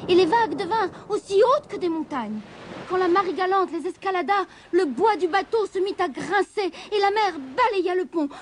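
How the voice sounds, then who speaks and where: A woman reads a children's story aloud in a high, very lively voice. She slips into whispers for suspense and leans into every turn of the tale. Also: a little hiss or hum. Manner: expressive, often dropping to a whisper.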